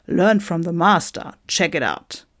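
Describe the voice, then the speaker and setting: A woman's voice: fairly low pitch, expressive, a little slow, a bit bright. A woman voicing a boastful, big-bellied in a storybook reading, brash and showy. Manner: brash, showy, mixing in English phrases. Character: boastful American Santa Claus, older man with a big belly.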